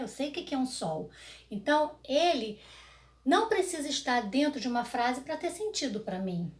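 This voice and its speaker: A young Brazilian woman teaching an online grammar lesson to children, drawing words out slowly and checking in with "né?" and "tá?". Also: high-pitched. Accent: Brazilian Portuguese. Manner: slow, stretched words for emphasis, frequent "né?" and "tá?". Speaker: primary school teacher.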